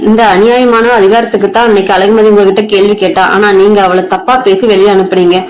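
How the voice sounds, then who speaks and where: A woman's voice: medium pitch, level tone, fast, close to an everyday voice. A woman voicing an overworked young daughter-in-law who talks back defiantly and passionately in a storybook retelling. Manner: defiant, impassioned.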